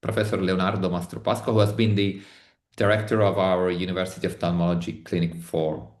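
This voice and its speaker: Italian guy, low voice, halting english, sounds like an echoey room. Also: level tone. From Italy. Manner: thoughtful, many restarts and hesitations. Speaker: ophthalmologist, interview guest. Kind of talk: online interview.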